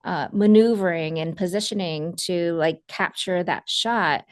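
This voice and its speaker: A woman's voice: lowish voice, measured pace, no echo. Chatty woman co-host, dry sound. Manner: chatty, laughing, lively retelling. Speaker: podcast co-host, photographer. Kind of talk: casual podcast chat.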